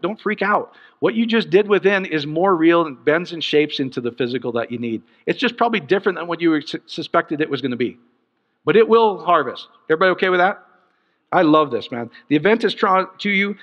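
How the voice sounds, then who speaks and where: A middle-aged male pastor preaches with a somewhat high voice, animated and joking. The sound is a little dull, and a long reverb trails each phrase as in a big hall. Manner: animated, joking, bursts into laughter. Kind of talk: sermon.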